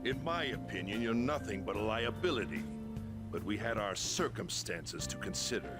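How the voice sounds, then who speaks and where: A man's voice: fairly low pitch, lively intonation, normal speed, lightly acted. A man voicing a stern, cold school authority in a video game, openly disapproving. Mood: cold disapproval. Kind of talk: scripted video game acting. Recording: game audio under loud music.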